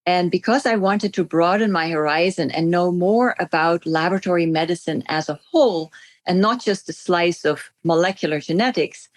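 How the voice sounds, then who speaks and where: A middle-aged native Dutch speaker from the Netherlands, a woman appearing as a physician guest, answers interview questions in articulate, measured phrases. Her voice sits lowish, and the recording is dry.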